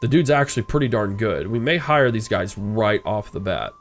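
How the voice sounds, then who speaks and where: A man with a fairly low, expressive voice talks at normal speed while playing a strategy game, congested and stuffy-nosed. His casual let's-play commentary rambles as he thinks aloud, punctuated by frequent "uh" fillers.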